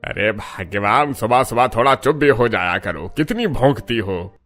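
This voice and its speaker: A man's voice: medium pitch, animated, a little slow, fairly bright tone, faint music behind. Grumpy older father-in-law. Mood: grumbling. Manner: grumbling, curt.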